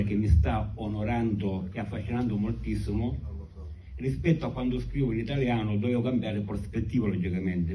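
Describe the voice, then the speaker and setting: A man in his sixties with a Sicilian accent, speaking solemnly and deliberately in short phrases as a poet addressing a live event. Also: medium pitch, warm tone, far from the mic, a little hiss or hum, rough recording. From Sicily, Italy. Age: 60s. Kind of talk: live address and poetry recitation. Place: public evening event, speaking to an audience.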